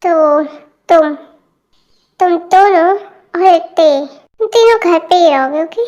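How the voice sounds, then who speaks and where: A woman's voice: very high voice, slow, a little mellow, highs cut off. A woman voicing a strict middle-aged mother in an amateur fan dub, bossy and ending orders with "okay?". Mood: stern.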